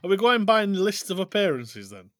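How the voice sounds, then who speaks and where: A man co-hosting a casual podcast, quick with silly joking asides. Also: high voice, sing-song, fairly bright tone, no echo. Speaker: podcast co-host. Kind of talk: casual chat.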